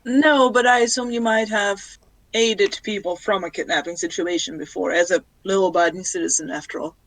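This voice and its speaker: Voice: mid-range voice, steady tone, moderate pace, a bit bright, no room sound, poor audio. A player as stiff, formal robot, dry close sound. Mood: polite, stiff. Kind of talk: improvised tabletop role-play.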